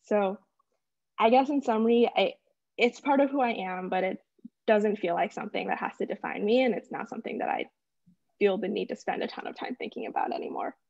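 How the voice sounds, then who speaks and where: Young woman, panel guest, gravelly voice, dry dull lo-fi sound. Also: mid-range voice, fairly quick, darkish tone, no room sound. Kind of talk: reflective panel discussion.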